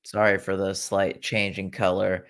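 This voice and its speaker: A man's voice: low-pitched, little pitch movement, unhurried, a bit bright. A young man from Iran hosting a casual football watchalong livestream, chatting and reacting to viewer comments with sarcastic asides. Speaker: livestream host. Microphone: laptop.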